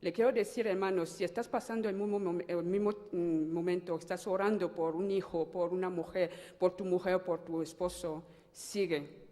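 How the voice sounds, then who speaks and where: A woman's voice: lowish voice, fairly even intonation, warm tone. Fervent woman. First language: French. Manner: emotional, fervent, halting at times. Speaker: church member giving testimony. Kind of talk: spoken church testimony. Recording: long hall reverb.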